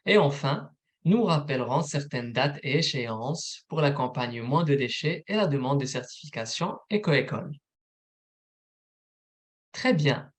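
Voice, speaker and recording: A program manager presents a recorded informational webinar, reading in a steady, methodical way. His voice is mid-range and unhurried.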